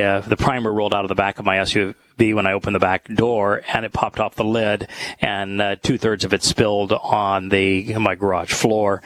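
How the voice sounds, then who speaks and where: Low-ish guy hosting a talk show, halting and thoughtful, lots of pauses while he studies scripture. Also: a bit bright, rough recording. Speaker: host.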